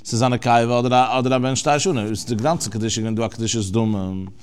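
A man's voice: mid-range voice, fairly even intonation, fast talker, a little mellow, clean tone. A man teaching a Talmud lesson, reasoning aloud through the text and asking and answering his own questions.

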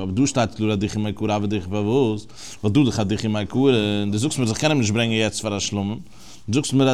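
A man's voice: mid-range voice, clean tone. A man teaching a Talmud lesson, reasoning aloud through the text and asking and answering his own questions.

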